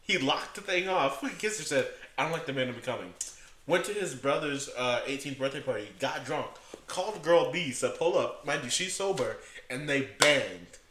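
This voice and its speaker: A man co-hosting a casual podcast, telling stories in animated bursts with rising emphasis. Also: medium pitch, moderate pace. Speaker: podcast co-host. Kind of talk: casual storytelling chat. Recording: echoey room with faint background noise.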